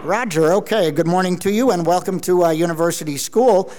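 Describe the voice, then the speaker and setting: A man's voice: high-pitched, fairly quick. A man working as a radio operator, hosting a school question session with formal radio call procedure. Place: school hall. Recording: echoey hall with loud radio noise.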